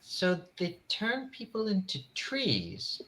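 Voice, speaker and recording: A woman playing in a tabletop game, blunt and quick to accuse. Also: mid-range voice, huge pitch swings, fairly bright tone, breathy edge. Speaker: player.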